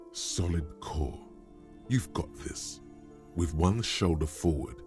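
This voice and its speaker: Game narrator, extremely deep voice, wry, commanding, second person, faint music behind. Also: male voice, darkish tone. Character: grave male narrator and inner voice of a detective game.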